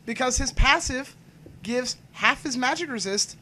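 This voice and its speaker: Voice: high-pitched, lively intonation, measured pace, bright, forceful tone, a little hiss or hum. A co-host chatting casually and jokingly about a video game with friends. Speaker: podcast co-host. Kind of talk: casual gaming commentary chat.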